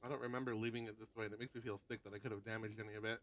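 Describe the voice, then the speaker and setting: A man with a low voice and little pitch movement reads a visual novel's narration aloud at a rapid-fire pace while streaming. He adds casual asides and occasionally stumbles and corrects himself. Loud plucked-guitar game music sits prominently behind his voice.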